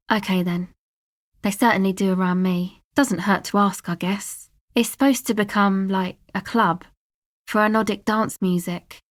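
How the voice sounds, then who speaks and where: An actress with a mid-range voice voices a laid-back, guarded young woman from the dance music crowd in video game dialogue. Her lines are casual, slangy, and offhand, with hesitant asides and light acting. The studio recording is clean and dry.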